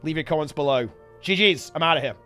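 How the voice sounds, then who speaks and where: A game streamer and video host talks casually to his chat, rambling in gamer slang and repeating himself as he recovers from an illness. His fairly high voice is fast, pushed, bright, and smooth, with soft music in the background.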